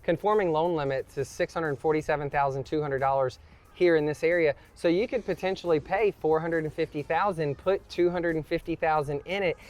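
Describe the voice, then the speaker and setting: Speaking fairly quickly in a fairly high voice, a man hosts a walkthrough of a house, still winded from the climb. He's talkative and joking as he breaks down the prices and what renovation would cost.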